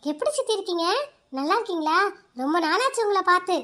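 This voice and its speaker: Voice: very high-pitched, lively intonation, fast talker, heavily acted. ஒரு குரல் நடிகர் அன்பான, அமைதியான இளம் மனைவியாக, ஆறுதலாகப் பேசுகிறார். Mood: friendly. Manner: soothing, gentle. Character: kind, calm young wife, gentle and selfless.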